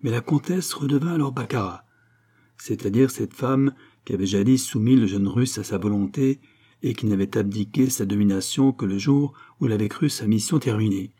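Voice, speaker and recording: A man narrating a classic novel in a measured, dramatic reading. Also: on the low side, mellow, breathy edge. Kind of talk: audiobook narration.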